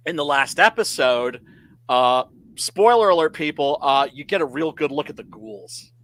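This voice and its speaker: A man co-hosting a podcast, chatting casually about films with lively, mocking asides. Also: on the high side, moderate pace. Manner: animated, mocking impressions, swears. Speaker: podcast co-host. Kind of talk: casual movie chat.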